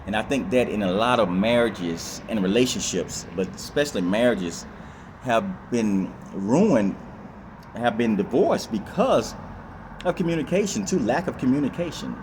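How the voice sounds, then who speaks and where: A man's voice: medium pitch, lively intonation, moderate pace, noisy background. A man in a casual advice monologue, rambling and repeating himself with lots of fillers. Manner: rambling, repetitive, with many fillers and acted-out quotes. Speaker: vlogger.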